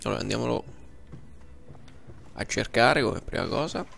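A man's voice: medium pitch, lively intonation, moderate pace, creaky, fairly bright tone, soft background music. A man giving casual, slangy, joking commentary over gameplay.

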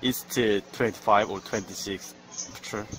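A man taking part in a casual group chat, speaking halting non-native English and swearing casually. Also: fairly low pitch, fairly even intonation, rough recording. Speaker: club participant. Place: online voice chat.

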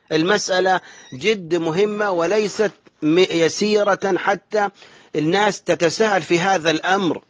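High-voiced sheikh teaching recitation. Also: male voice, fairly bright tone, dry recording. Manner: corrects common mistakes, then slowly chants the verse. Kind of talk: religious lesson on correct recitation.

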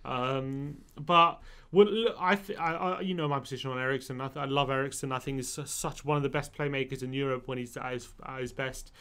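A man's voice: mid-range voice, brisk, few pauses, smooth. A young man co-hosting a football fan channel, talking casually in a small studio at a desk mic, getting worked up as he goes. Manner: animated, many restarts, gets heated. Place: small studio with brick wall. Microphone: desk microphone.

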